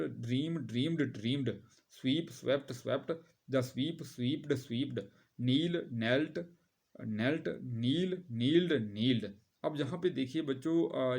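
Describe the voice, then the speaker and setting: A male teacher giving a grammar lesson to students, speaking directly to them, spelling out word forms slowly and pausing often with hesitations. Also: mid-range voice, a little mellow.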